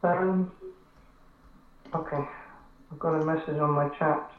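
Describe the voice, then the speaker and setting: A man's voice: a little high, steady tone, slow pace. A man moderating a call, talking in a hesitant, apologetic way over a crackly mobile phone line. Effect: crackly phone line, calling in on a mobile. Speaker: webinar moderator. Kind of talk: casual call chat. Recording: tinny echoey phone line.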